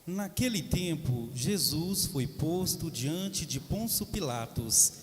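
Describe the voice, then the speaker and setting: A man narrating the Passion Gospel in church, reading slowly and steadily. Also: on the high side, animated, faint music behind. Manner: slow, measured reading. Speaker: reader of the Passion. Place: large cathedral. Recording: echoey cathedral hall.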